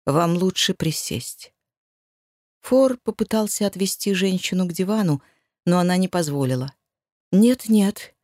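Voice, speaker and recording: A woman reading a first-person fantasy audiobook in an even, measured way. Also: lowish voice, dry recording, studio quality. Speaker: audiobook narrator.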